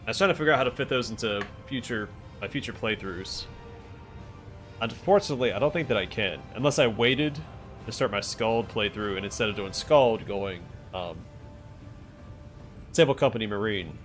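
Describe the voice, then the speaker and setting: Male game streamer, low pitch, casual chatty commentary, light music behind. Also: expressive, moderate pace, fairly bright tone. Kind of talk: casual gameplay commentary, answering chat.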